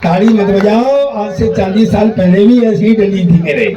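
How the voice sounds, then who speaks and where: A man's voice: high-pitched, normal speed, a crowd in the background. A man performing comedy poetry live on stage, joking directly with the audience and acting out dialogue. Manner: jokey, addresses the audience directly, acts out dialogue. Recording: dull, echoey, distant hall recording.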